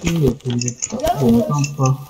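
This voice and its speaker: A man's voice: medium pitch, very animated, normal speed, background noise. A man streaming a game live, chatting casually, swearing and trash-talking at other players. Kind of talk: casual live gaming chat.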